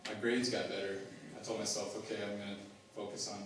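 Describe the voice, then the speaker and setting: A young man giving a personal testimony as a student, halting, with many fillers and restarts. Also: fairly low pitch, flat delivery, a bit bright, slight background noise. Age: young adult. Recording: echoey hall, mic far off, faint ambience.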